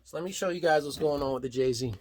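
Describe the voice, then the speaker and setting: A man with a slightly higher-than-average voice walks through his engine project in a loose, rambling way. He talks casually to viewers in a garage vlog, full of fillers and restarts. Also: fast talker, a little mellow. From New York. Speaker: hobby mechanic vlogger.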